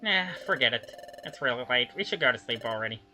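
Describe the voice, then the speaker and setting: Bright, lively woman reading game dialogue. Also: very deep voice, fast, faint music behind. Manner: expressive, animated line reading. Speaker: game player voicing dialogue.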